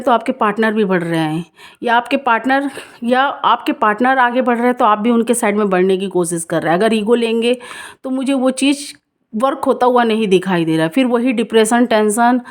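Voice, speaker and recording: A woman's voice: a little high, fairly quick. A woman doing a casual, reassuring tarot reading for viewers, repeating herself and mixing in English words. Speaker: tarot card reader.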